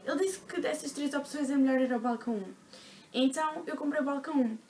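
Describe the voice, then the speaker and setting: A teenage vlogger with a European Portuguese accent tells a story to her viewers. Her voice sits a little high, and she talks in a chatty, dramatic rush, peppering her sentences with fillers. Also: quick pace, a little mellow, slight background noise. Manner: chatty, dramatic retelling with frequent "tipo" fillers. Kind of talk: casual storytelling to camera.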